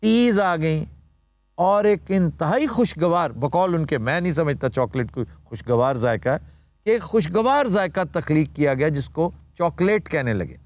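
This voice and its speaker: A man's voice: a little high, animated, measured pace, darkish tone, no echo, studio quality. A man hosting a TV talk show, explaining where words come from in a lecturing way and using formal vocabulary. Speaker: host. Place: TV studio.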